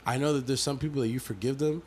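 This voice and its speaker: Man, podcast co-host, earnest, preachy, repetition for emphasis, mid pitch, faint hiss. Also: fairly even intonation, fast. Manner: earnest, preachy, builds emphatic repeated lists. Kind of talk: faith podcast conversation.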